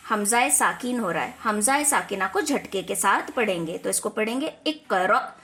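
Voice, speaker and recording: A woman's voice: on the high side, fairly bright tone. A woman teaching an online class for children, explaining patiently step by step and often checking in with her students. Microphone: video call.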